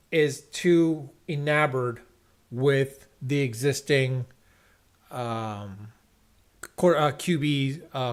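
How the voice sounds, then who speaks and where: A man hosting a live stream, rambling casually about football with lots of restarts and strong opinions. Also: mid-range voice. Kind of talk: casual sports rant. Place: at home, checking scores on screen.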